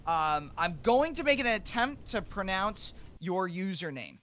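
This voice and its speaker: A man hosting a casual livestream, speaking in a halting way and often repeating his words. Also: sits high, expressive, a bit bright, a little hiss or hum. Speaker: livestream host.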